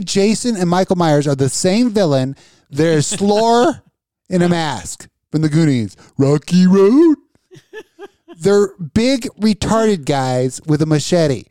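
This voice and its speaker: A man co-hosting a crude podcast, ranting hard and swearing with laughs thrown in. His voice sits a bit high yet sounds dark and mellow. The recording is dry and close. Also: lively intonation, a little slow, no echo. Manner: profane, ranting, laughs often. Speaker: podcast co-host. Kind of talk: crude casual chat.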